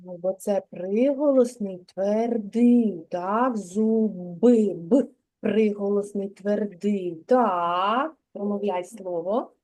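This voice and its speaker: A woman's voice: mid-range voice, slow, mellow, poor audio. A woman kindergarten teacher giving a literacy lesson to a child, coaching him patiently and sounding out syllables one by one in a classroom.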